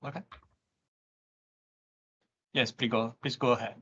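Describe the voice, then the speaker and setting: A man's voice: medium pitch, steady tone, a little slow, a bit bright, slightly rough. A man moderating a live webinar, passing questions on with brief, polite prompts. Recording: dull lo-fi video call audio.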